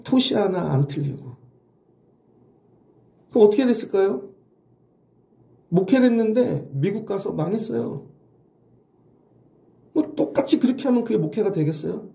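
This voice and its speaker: Male pastor, middle-aged, dark mellow tone, rhetorical questions, roomy sanctuary echo. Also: sits high, animated, normal speed, creaky, pauses often. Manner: conversational preaching, rhetorical questions to the congregation. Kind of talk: dawn sermon.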